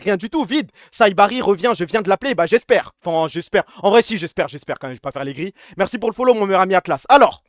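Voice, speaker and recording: Fast-talking high-voiced young man streaming. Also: lively intonation, dry recording, studio quality. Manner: fast, slangy, crude, laughs often. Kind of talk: casual live-stream chat.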